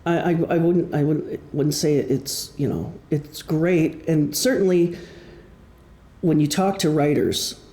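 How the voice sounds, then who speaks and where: A middle-aged man with a fairly high, dark-toned voice speaks slowly, giving an informal prepared talk to an audience as an author. He tells his stories in a wry, self-deprecating way during a live presentation indoors, and the room sounds echoey.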